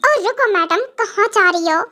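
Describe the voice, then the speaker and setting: A woman playing a stern young husband and professor in a fan audio drama. He scolds and lectures his wife in exasperation. The voice stays high and bright throughout. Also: expressive, normal speed, full character voice. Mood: scolding.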